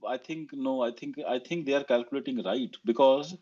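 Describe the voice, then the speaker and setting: A man with a North Indian Punjabi accent hosts a casual online political discussion, pressing his points with emphatic, repetitive phrasing. His voice is mid-range at normal speed, heard over a noisy crowd. The online audio call sounds slightly muffled.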